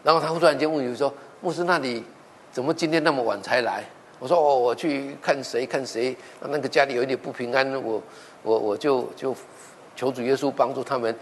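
A man's voice: mid-range voice, a little fast, a little hiss or hum. Male pastor, sermon storytelling that acts out the dialogue, in a reverberant church hall. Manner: animated storytelling, acting out quoted dialogue.

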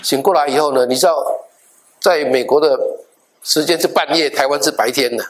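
A middle-aged male pastor telling a story in a sermon, animated and acting out the dialogue, with English words mixed in. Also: fairly high pitch, a little fast. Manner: animated, acts out dialogue in different voices.

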